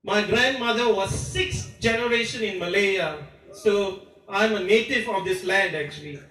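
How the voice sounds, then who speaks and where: A high-pitched Singaporean protest speaker delivers a stirring address at a measured pace, letting out chuckles between his declarations. Someone taped it from a distance on an amateur recorder, leaving the sound echoey and remote. Loud cheering from a large crowd fills the background.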